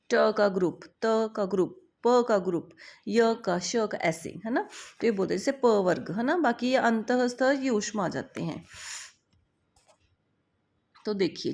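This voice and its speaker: Slow, gravelly woman teacher. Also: medium pitch, darkish tone. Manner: patient, drawn-out recitation of letters, addresses students as beta. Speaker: Sanskrit teacher. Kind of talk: online grammar lesson.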